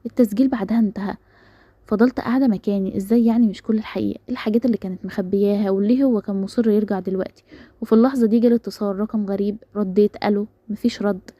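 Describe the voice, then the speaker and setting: A woman with an Egyptian Arabic accent reading a first-person story in rapid, even narration. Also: medium pitch, dry recording.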